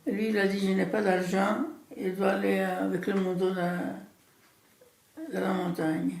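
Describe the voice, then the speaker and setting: A woman in her eighties from Italy, speaking French with an Italian accent as her second language. She tells her story in halting, simple sentences and often repeats words. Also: medium pitch, level tone, vocal fry, a little mellow. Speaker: interviewee recounting her immigration. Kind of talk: personal storytelling. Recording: echoey room.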